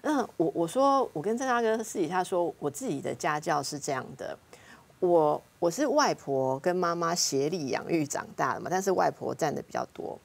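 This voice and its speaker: A woman with a Taiwanese Mandarin accent, a counselor guest on a talk show, telling family anecdotes in a lively way and acting out what her relatives said. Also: fairly low pitch, normal speed, gravelly. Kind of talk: casual talk-show storytelling.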